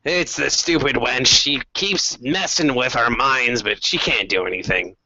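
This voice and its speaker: A man's voice: mid-range voice, a little slow, bright, forceful tone, dry recording, exaggerated voice. A man voicing a sneering male goblin who talks down to a captive. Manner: sneering, dismissive. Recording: dull dry lo-fi recording.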